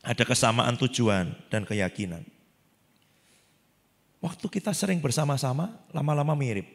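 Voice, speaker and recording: A man preaching a sermon as pastor, animated and acting out the people he quotes. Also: medium pitch, normal speed, slightly rough. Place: church hall. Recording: long church hall reverb.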